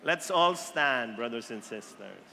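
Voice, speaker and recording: A man's voice: slow pace, gravelly, a little hiss or hum. A man preaching a sermon that switches between Tagalog and English, telling stories animatedly. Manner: animated storyteller, jumps high for quoted voices. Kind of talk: sermon mixing Tagalog and English, with acted quotes. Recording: long hall reverb.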